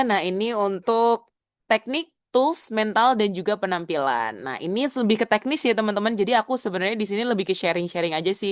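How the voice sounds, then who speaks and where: A woman's voice: medium pitch, no echo. Young woman public speaking coach, casual webinar lesson, English phrases mixed in, dry close video-call audio. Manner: demonstrates vocal techniques.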